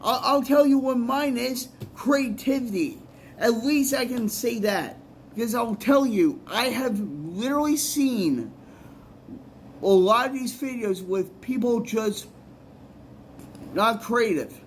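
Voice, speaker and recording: A man's voice: very high-pitched, lively intonation, slow, slight background noise. A man, a musician and poet, giving rambling, earnest advice in a casual vlog, often repeating himself.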